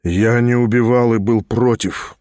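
A man voicing a detached, brooding young nobleman who speaks slowly and firmly. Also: mid-range voice, no echo, studio quality, voice pushed down, close to an everyday voice. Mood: grim. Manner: slow, flat and firm.

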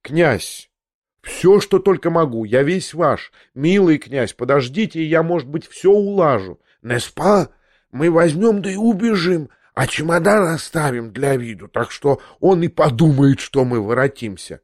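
A man reading an audiobook, voicing a frail, frightened old prince who pleads in a slow, trembling voice and slips into French. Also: a little high, expressive, no room sound, clean studio sound, voice pushed up. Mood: pleading. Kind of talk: audiobook character voice.

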